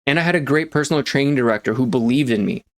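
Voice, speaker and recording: Energetic man giving a motivational talk. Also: medium pitch, fast. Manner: energetic and emphatic, filler-heavy, swears for emphasis. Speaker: motivational coach. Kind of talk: casual motivational monologue.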